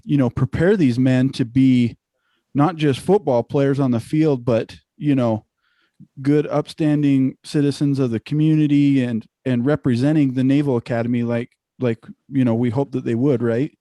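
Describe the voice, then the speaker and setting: An enthusiastic male podcast host asks a guest rambling, friendly questions. His voice is mellow and warm, and it is recorded dry and close, with no room sound. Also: medium pitch, fairly even intonation, moderate pace, no room sound. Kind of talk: podcast interview.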